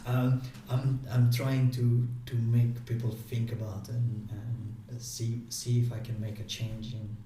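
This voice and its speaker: Answering interview questions as a guest, a man speaks in a mellow, flat, medium-pitched voice, with English not being his first language. His delivery is halting, full of pauses, restarts and fillers. He sounds somewhat distant in a very echoey room, a faint hiss beneath him.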